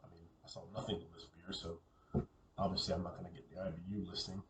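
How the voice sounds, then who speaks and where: A man casually reviewing a beer on his own, relaxed and musing, often repeating words as he thinks aloud. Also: low-pitched, fast, recorded from a distance, a little hiss or hum, poor audio.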